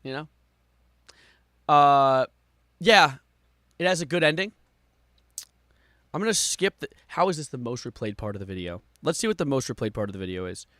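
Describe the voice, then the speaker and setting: Bright-voiced man streamer, exasperated reaction commentary. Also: medium pitch, animated, moderate pace, long pauses, dry recording, studio quality. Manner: exasperated, sarcastic complaining.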